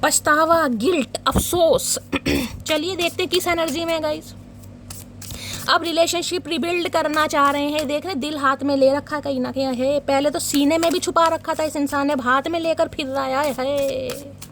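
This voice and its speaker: A tarot reader does a teasing, dramatic reading for her viewers, calling them "guys" and "darling." Her voice is high and a bit bright, with fairly even intonation at a normal pace, over slight background noise.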